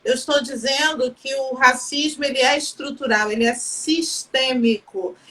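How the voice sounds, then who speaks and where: A woman professor with a Brazilian Portuguese accent, speaking in a measured, academic way during a live online discussion, often adding "né?". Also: high voice, a bit bright, far from the mic, rough recording. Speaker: guest professor.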